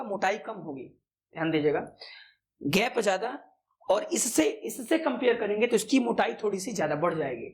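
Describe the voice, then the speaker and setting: A male physics teacher lectures in a chatty way. He asks quick questions and answers them himself. He repeats the key terms again and again. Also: sits high. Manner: chatty asides, calls students "brother". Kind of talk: classroom-style lecture.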